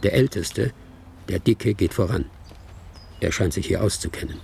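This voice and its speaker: A man's low, slightly mellow voice with vocal fry moves at a normal speed as he portrays a detached narrator reading a screenplay for a radio drama. His brief, observational present-tense sentences carry a detached, suspenseful tone, with music underneath and slight background noise.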